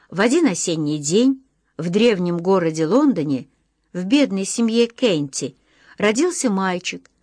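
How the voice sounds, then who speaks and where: Expressive woman reading an audiobook. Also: mid-range voice, no echo, studio quality. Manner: measured and expressive, slows down for emphasis. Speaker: audiobook narrator. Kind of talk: audiobook reading of a children's book.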